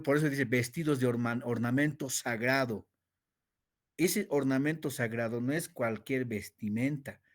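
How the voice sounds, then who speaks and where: Man, Bible teacher, classroom lecture, emphatic drawn-out words, questions to the class. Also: medium pitch, a little mellow. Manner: repeats key words, stretches them slowly for emphasis, quizzes the class.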